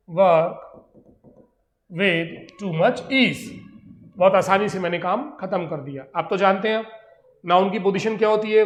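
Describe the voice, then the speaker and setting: A man with an Indian accent gives a classroom lecture on English grammar, explaining in Hindi and reading the English examples slowly. His voice sits high, and the room is echoey.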